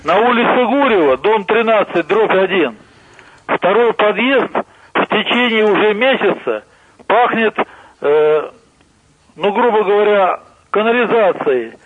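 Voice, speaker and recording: A man's voice: sits high, expressive, unhurried. A man calling in to a radio show over a phone line, asking polite but insistent questions about problems at home. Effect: heard over a phone line into the studio.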